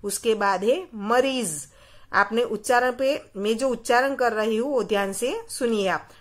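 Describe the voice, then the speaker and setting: A woman's voice: fairly high pitch, measured pace. A woman teacher giving a recorded lesson to young children, explaining patiently and repeating key words as questions to check understanding. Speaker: school teacher.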